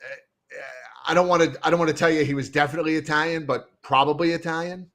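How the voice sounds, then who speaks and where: A man's voice: on the high side, fast. A man co-hosting a sports talk show, telling a story and acting out both sides of the conversation with frequent laughs. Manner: animated storyteller, acts out dialogue, laughs often. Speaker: podcast co-host. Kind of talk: casual chat.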